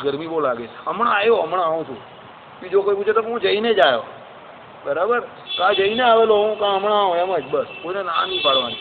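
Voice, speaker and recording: Man preaching over tinny audio. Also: high voice. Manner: conversational, keeps asking "right?". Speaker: religious discourse speaker. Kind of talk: devotional sermon. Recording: tinny phone-like audio, noisy.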